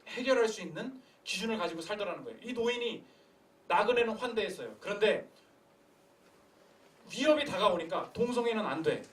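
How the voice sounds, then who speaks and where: Animated young male preacher, echoey church. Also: sits high. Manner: animated storytelling with acted quotes and rhetorical questions. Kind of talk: sermon. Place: church sanctuary. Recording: echoey room from a distance.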